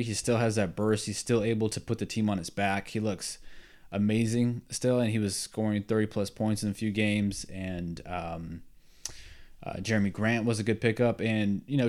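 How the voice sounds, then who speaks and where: A man's voice: on the low side, a little mellow. Opinionated man rambling about sports. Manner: rambling, opinionated, many fillers and restarts. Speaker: sports podcast host. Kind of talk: solo casual sports talk.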